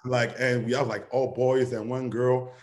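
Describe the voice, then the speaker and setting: Rambling along as an interview guest, this young man from Nigeria leans heavily on "you know" fillers in a casual way. His delivery is flat and a little slow, with a medium, darkish voice.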